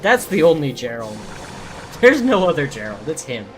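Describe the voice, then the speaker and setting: A man's voice: fairly high pitch, sing-song, normal speed, fairly bright tone. A man giving casual, joking gameplay commentary, sarcastic and sweary. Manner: sarcastic, profane. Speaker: gaming channel commentator. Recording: game music under commentary.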